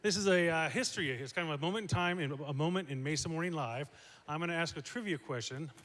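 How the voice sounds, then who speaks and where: A man's voice: a little high, quick pace, fairly bright tone. A man giving podium speech as a sponsor, plugging and explaining things to an audience. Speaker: segment sponsor and quiz presenter. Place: stage in a hall with an audience. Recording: reverberant hall, crowd and noise.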